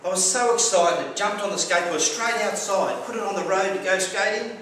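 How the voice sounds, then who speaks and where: This Australian man's voice is high-pitched and a bit bright, moving at a moderate pace through a prepared speech for his club. He tells anecdotes with wry humour and occasional stumbling repeats, heard from a distance in a very echoey room with clear background noise.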